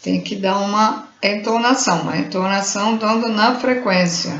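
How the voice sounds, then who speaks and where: A Brazilian woman giving an informal spiritual talk, chanting mantras slowly as examples and groping for words she has forgotten. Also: mid-range voice, background noise. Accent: Brazilian Portuguese. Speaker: spiritual teacher. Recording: roomy, muffled home recording.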